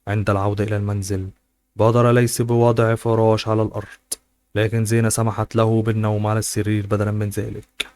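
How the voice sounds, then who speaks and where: A man narrates a novel aloud in a low voice. His delivery stays flat and steady, with little rise or fall from line to line. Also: fast, dry recording. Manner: even, steady reading voice. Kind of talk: scripted audiobook narration.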